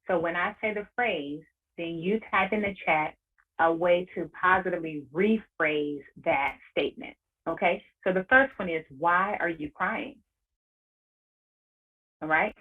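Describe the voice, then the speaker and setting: A woman coaching parents in an online workshop, speaking in a measured, encouraging way and repeating key phrases. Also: on the low side. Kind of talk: webinar workshop presentation. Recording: tinny phone-like audio.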